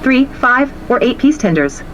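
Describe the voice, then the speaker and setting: A woman taking orders over a drive-thru intercom, running through quick, scripted prompts. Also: sits high, big pitch swings, a little hiss or hum. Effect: heard through a drive-thru intercom speaker. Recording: muffled drive-thru speaker picked up from a car.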